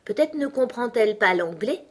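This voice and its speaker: Woman doing an eager little girl voice, high and polite, kinda breathy. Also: lively intonation. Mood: wondering. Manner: eager, rushing to please.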